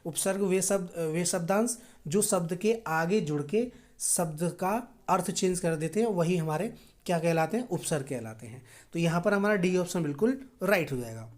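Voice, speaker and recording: A woman's voice: animated, moderate pace. A woman teaching an exam-prep grammar lesson, calling viewers friends and answering her own questions. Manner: drops low and soft on key answers.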